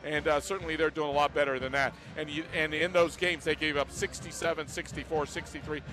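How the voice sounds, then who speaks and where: A man's voice: a little high, fairly even intonation, a little fast, rough recording. An American man giving live pre-game basketball commentary as a play-by-play announcer.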